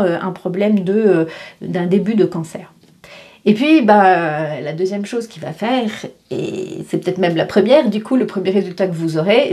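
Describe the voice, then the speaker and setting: A woman's voice: medium pitch, warm tone. A woman in her fifties explaining in a casual vlog, chatty, with many fillers and restarts. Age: 50s. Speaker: vlogger.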